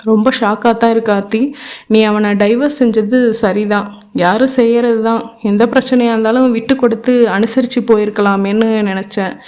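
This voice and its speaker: A woman reading an audio novel, voicing a gentle man who consoles his former lover in a calm, restrained way. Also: a little high, normal speed, close to an everyday voice. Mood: consoling.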